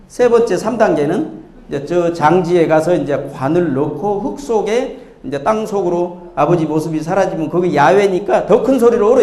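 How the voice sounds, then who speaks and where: A middle-aged man giving a lively lecture on inheritance law, full of jokes, rhetorical questions and acted-out voices. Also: on the high side, roomy sound. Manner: animated storyteller, acts out voices, rhetorical questions. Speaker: tax accountant lecturer. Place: lecture hall with audience.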